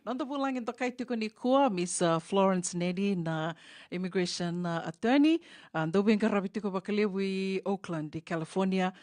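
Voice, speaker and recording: A woman with a Fijian accent hosting a community radio interview, measured and full of filler sounds. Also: medium pitch, darkish tone, no room sound. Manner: measured, many filler sounds, switches between two languages. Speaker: radio show host.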